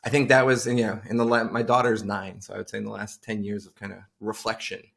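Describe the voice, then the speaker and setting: A man in his forties from Long Island, speaking with a gravelly, creaky edge as a podcast guest. He rambles loosely, circling back with fillers and restarts as he talks over a video call. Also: lowish voice, flat delivery, fast, fairly bright tone. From Long Island, New York. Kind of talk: casual interview chat.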